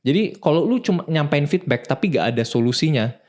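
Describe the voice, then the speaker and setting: A man's voice: fairly high pitch, sing-song, brisk, a little mellow. A young man, hosting a talk show and explaining advice in a casual, direct way, calling the listener "bro". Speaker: podcast host.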